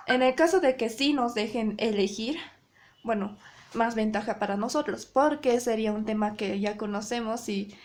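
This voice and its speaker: Young female student presenting a lesson, higher-pitched, unhurried, pauses and restarts often. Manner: hesitant, self-correcting, searching for words. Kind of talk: class presentation on public speaking.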